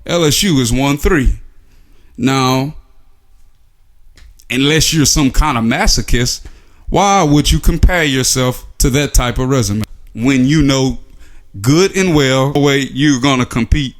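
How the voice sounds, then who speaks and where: A man with a drawl talks straight to his audience in a loose, unscripted rant. His voice sits at an ordinary middle pitch, and he leans on sarcasm and rhetorical questions. He pads his lines with plenty of "uh"s as he thinks aloud. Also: measured pace, pauses often. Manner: sarcastic, rhetorical, filler-heavy. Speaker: sports commentary vlogger. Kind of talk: casual opinion monologue.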